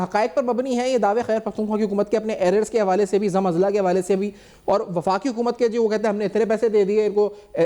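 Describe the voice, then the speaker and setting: A man's voice: high voice, dark tone. A man hosting a talk show, asking long, layered questions with fillers. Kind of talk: studio talk show interviewing.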